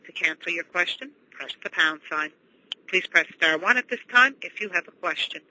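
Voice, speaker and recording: A woman's voice: on the low side, normal speed, slight background noise, poor audio. A woman working as a conference call operator, reading formal scripted announcements. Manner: formal, even.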